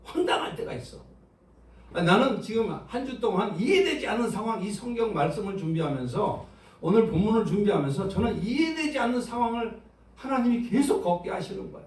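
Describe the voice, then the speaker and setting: A man's voice: high voice, expressive, a little fast, darkish tone. A man preaching a sermon as pastor, talking conversationally and asking the congregation questions. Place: church sanctuary. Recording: roomy church sound from a distance.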